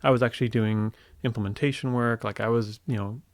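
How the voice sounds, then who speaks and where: A man's voice: mid-range voice, brisk, no room sound. A man in his forties from Indiana, a tech company co-founder talking reflectively as an interview guest, often restarting his sentences. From Indiana, USA. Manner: relaxed, reflective, many restarts. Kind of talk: conversational interview.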